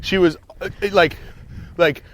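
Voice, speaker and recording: A man's voice: sits high, fairly even intonation, a little slow. A man hosting a podcast while on a hike, thinking aloud with frequent restarts and tag questions. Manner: musing, lots of restarts and fillers, frequent "right?". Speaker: podcast host. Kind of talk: casual chat on a hike. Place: outdoors on a hiking trail.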